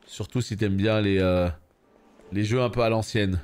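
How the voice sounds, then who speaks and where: A man's voice: fairly low pitch, steady tone, normal speed, darkish tone, clean tone. A man hosting a gaming video, giving casual, chatty commentary while he plays, swearing now and then and answering viewers.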